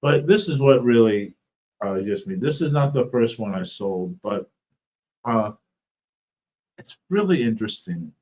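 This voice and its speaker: A man's voice: mid-range voice, lively intonation, a little slow, long pauses, darkish tone. A man with thick, slurred speech from a swollen tongue, weakened and fatigued, chatting casually on a livestream as an author and host.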